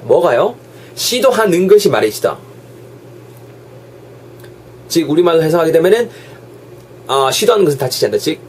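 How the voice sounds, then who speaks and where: Lively Gyeongsang-accented male English teacher. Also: fairly high pitch, a little hiss or hum. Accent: Gyeongsang Korean. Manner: chatty, jokey, drops into dialect for examples. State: unwell but lecturing. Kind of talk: online English lesson.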